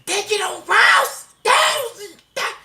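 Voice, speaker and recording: A man voicing a frenzied male evangelical preacher who shouts incisively. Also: fairly high pitch, sing-song, a little slow, noisy background. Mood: shouting.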